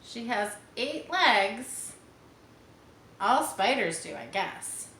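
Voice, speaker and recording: Lady doing a chatty earnest farm kid, girl, storybook style, bright n lively, roomy sound. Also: fairly high pitch, drawn-out words, slight background noise, pitched above the performer's own voice, heavily acted. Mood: thoughtful, matter-of-fact. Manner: eager, matter-of-fact.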